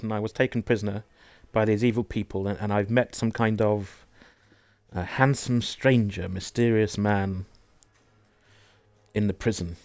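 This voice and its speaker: Man, gaming host, casual gameplay commentary, rambling, chatty, self-deprecating, lowish voice. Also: dry recording.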